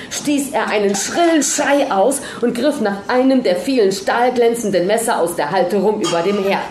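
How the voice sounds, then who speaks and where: A woman narrating a story aloud in a lively, dramatic reading manner. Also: medium pitch, echoey room, slight background noise.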